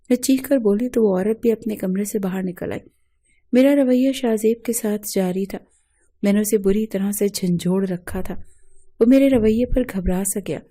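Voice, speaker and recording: A woman tells an emotional first-person story in a dramatic narrating style. Her voice is very dark and mellow, with a middle pitch and steady delivery.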